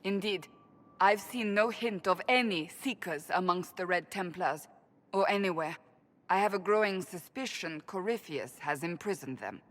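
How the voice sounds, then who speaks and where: An actress voices a devout, proud woman warrior for a video game, speaking firmly and formally with a resolute mood. Her voice sits on the low side, natural in quality, at a moderate pace.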